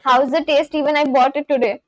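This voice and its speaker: A young Indian English-accented woman in her twenties chats casually on a live stream, reading viewer comments aloud and saying "like" and laughing a lot. Her voice is high and steady, fairly quick, with no room sound.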